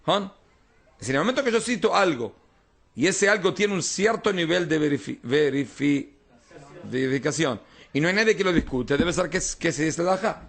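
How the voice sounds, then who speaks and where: A man's voice: fairly high pitch, lively intonation, fairly quick, fairly bright tone. A man, a rabbi, teaching an informal Talmud class, explaining texts and often checking that his students follow.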